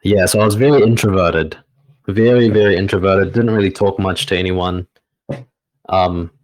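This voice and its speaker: A man, a meditation teacher answering interview questions in a slow, reflective way with frequent pauses. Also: low-pitched, fairly even intonation, rough recording. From New Zealand. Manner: slow, reflective, pausing often with "uh".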